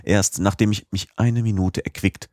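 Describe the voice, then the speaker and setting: A man narrating a classic novel as an audiobook in a measured, steady manner. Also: fairly low pitch, no echo, clean studio sound.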